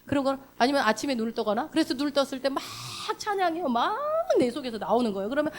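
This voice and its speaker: A woman pastor preaching a sermon in a casual, direct way, asking the congregation questions and swinging from loud emphatic bursts to hushed soft asides. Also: high-pitched, animated, rapid-fire. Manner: laughs during delivery. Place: church sanctuary.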